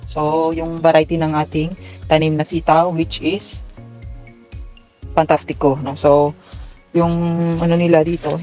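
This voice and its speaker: A young man casually touring his bean garden outdoors for a vlog, speaking haltingly with many fillers and stumbling over his words, as if filmed on a phone. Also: a little high, a little mellow, poor audio. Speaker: farming vlogger.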